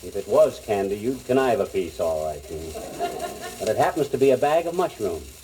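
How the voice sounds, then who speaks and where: A man's voice: fairly low pitch, sing-song, brisk, dark tone. Brash man in old radio comedy. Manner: brash, blustery. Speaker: comedy show lead. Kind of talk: 1940s radio comedy acting. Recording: crackly old 78 record.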